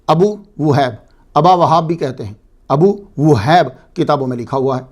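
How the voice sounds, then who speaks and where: A man giving a religious lecture to a congregation, explaining patiently and asking and answering his own questions. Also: fairly high pitch. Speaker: religious speaker.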